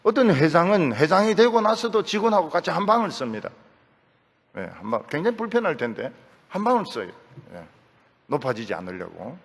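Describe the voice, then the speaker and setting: An older pastor with a Gyeongsang accent delivers a folksy, joking sermon in a church sanctuary, repeating his key phrases. His fairly high voice swings widely in pitch at a brisk pace, and the hall's reverb is audible.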